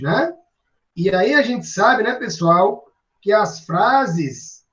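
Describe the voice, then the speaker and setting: A man with a Brazilian Portuguese accent teaching a grammar lesson, emphatic and drawn out, with frequent tag words. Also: high voice. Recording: roomy, distant, dull lo-fi sound.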